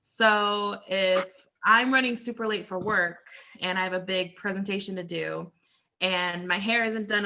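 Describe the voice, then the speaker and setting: A woman's voice: mid-range voice, bright, forceful tone. A woman casually leading a group lesson over a video call, explaining with everyday examples and lots of "so" and "like". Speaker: group leader presenting a lesson. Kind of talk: casual teaching talk to a group.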